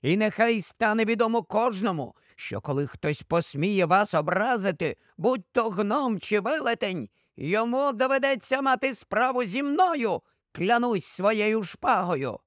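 A man voicing a tiny, brave male mouse warrior with a shrill, squeaky voice and courtly, boastful manners, in an audiobook. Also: animated, measured pace, few pauses, fairly bright tone, no room sound, clean studio sound. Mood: gallant. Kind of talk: audiobook character voice.

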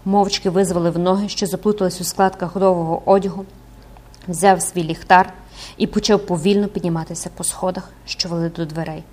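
A woman narrating a classic novel as an audiobook in an expressive, dramatic way. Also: lowish voice, fairly quick. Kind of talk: scripted narration.

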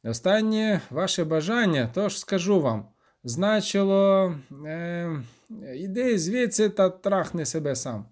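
A man's voice: sits high, lively intonation, slow pace, darkish tone, voice pushed up. Male reader doing a sardonic older priest, mocking and ominous, storybook.

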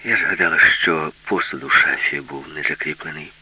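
A man voicing a caring grown woman on a spaceship crew who speaks in a gentle, practical way, in a dull lo-fi recording. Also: a bass voice, normal speed, breathy edge, recorded from a distance. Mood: concerned.

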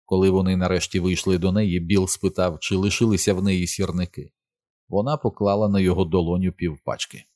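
A man reading an audiobook as narrator in a steady, measured way. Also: deep voice, no echo, studio quality. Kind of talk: scripted narration.

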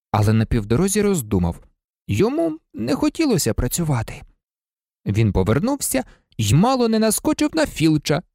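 A male audiobook narrator reads in a theatrical way, with his pitch swinging widely. His voice is gravelly. The recording is dry and close. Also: a little mellow, dry recording. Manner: theatrical, varied. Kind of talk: expressive audiobook reading.

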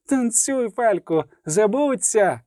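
A man voicing a bold young female elf dancer who shouts to rouse the crowd, in an audiobook. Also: high-pitched, expressive, slow pace, no room sound, studio quality, voice pushed up. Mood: rousing, brash. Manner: loud, commanding, rousing the crowd. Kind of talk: audiobook character voice.

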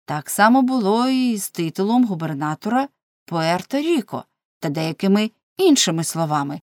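A woman narrating an audiobook in a measured, expressive reading style. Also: medium pitch, dry recording, studio quality.

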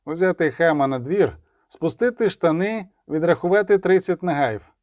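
A man voicing a cold, menacing male interrogator who speaks slowly and curtly. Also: on the high side, animated, darkish tone, dry recording, studio quality, pitched above the performer's own voice, close to an everyday voice. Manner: slow, curt, threatening.

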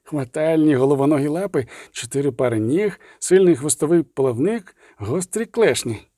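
A man voicing an excitable, fussy male scholar who exclaims in shrill, drawn-out bursts. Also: no echo, clean studio sound. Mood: ecstatic.

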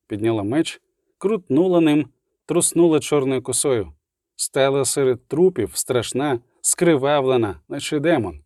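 A man reading an audiobook with steady, even storytelling. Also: mid-range voice, dry recording, clean studio sound. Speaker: audiobook narrator. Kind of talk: audiobook narration.

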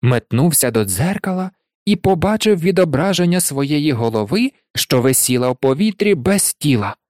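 A man narrating an audiobook in an expressive storytelling manner. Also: fairly high pitch, normal speed, no room sound, studio quality. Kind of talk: audiobook reading.

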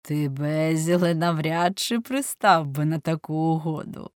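A woman reading aloud voices an ironic, cynical aristocrat who talks in a dry, mocking, unhurried way. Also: deep voice, no room sound. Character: suave ironic aristocratic man, amused and cynical.

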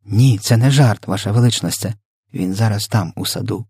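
A man with a husky low voice reading the lines of a small, timid girl who stammers shyly. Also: normal speed, a little mellow, dry recording, studio quality. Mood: earnest. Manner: shy and stammering.

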